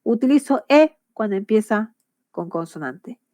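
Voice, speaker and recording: A woman's voice: mid-range voice, animated, unhurried, warm tone, no room sound. Woman teaching English grammar. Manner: patient and explanatory, with frequent checks for understanding. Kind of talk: explaining grammar in a class.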